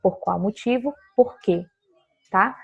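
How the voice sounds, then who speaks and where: Woman, grammar teacher, gravelly and husky, patient explaining tone. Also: medium pitch, slow. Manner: explains patiently, often checking with "tá?". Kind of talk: grammar lesson.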